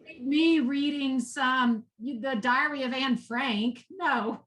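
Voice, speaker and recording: Her high, slightly bright voice moves slowly as she answers interview questions. She is a Texan nonprofit education executive, speaking with passion and repeating words for emphasis.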